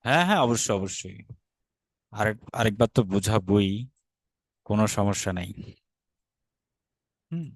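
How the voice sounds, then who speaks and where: A man's voice: lowish voice, lively intonation, moderate pace, long pauses, dry recording. A man with a Bangladeshi Bengali accent teaching an online class, patient, repeating drills and often checking that students follow. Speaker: Sanskrit teacher.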